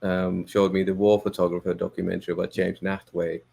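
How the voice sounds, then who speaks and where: A deep, monotone man with a gravelly texture, a native Finnish speaker talking English in a podcast interview. He hesitates often, restarting phrases and filling pauses as he weighs each thought. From Finland. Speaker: guest, photo editor.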